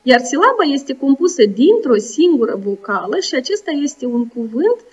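Woman teacher spelling out syllables slowly. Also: high-pitched, very animated, distant mic. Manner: slow, careful spelling out of sounds and syllables. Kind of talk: recorded school lesson. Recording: dull lo-fi sound, voice set back, soft music. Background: soft background music.

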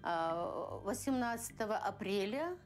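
A woman's voice: medium pitch, lively intonation, a little slow. An older woman from Russia recounting plainly with small hesitations in an interview.

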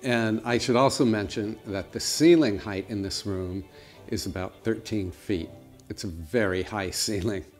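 A middle-aged man with a fairly low, unhurried voice chats casually to the camera while touring his large old house, with faint music in the background. He is a home vlogger with a friendly, tour-guide manner, walking through high-ceilinged rooms indoors.

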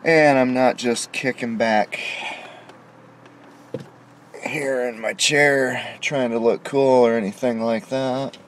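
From a parked car at night, a middle-aged male vlogger delivers a frustrated monologue to a dashboard camera facing him, aggrieved and indignant as he presses his complaints. His mid-range voice holds a steady tone, slow and full of pauses, with a little hiss or hum in the audio.

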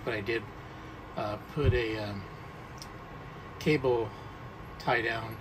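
A man filming a walk-through of his camper trailer on a handheld phone, explaining things in a plain, halting way with many ums and restarts. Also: mid-range voice, background noise. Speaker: camper owner showing a solar install. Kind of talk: casual walk-through narration. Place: outdoors and inside a small camper trailer.

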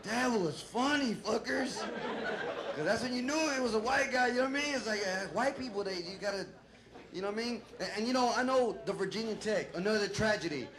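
A middle-aged man doing a loud, profane, rambling stand-up set on a club stage, shouting his punchlines. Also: sits high, expressive, a little fast. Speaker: stand-up comedian. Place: comedy club stage with a laughing audience. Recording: echoey live room, loud crowd noise.

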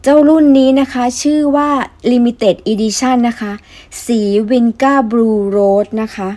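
A woman's voice: a little high, takes it slowly. A young woman chatting politely through a casual product review vlog, explaining each piece in turn. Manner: chatty, polite, frequent soft particles.

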